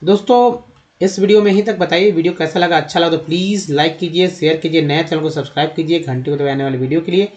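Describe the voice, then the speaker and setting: A man teaching English pronunciation in a lesson, speaking slowly, spelling out letters and asking his viewers questions. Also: fairly high pitch, fairly even intonation, a little mellow, dull audio. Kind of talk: Hindi-language pronunciation lesson.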